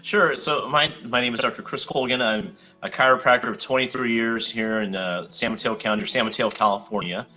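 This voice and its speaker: Laid-back middle-aged guy from hawaii, bright voice, rambles with lots of ums, faint music behind. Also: medium pitch, brisk, few pauses, rough recording. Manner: easygoing, rambling with many fillers. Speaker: chiropractor guest. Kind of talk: casual interview chat.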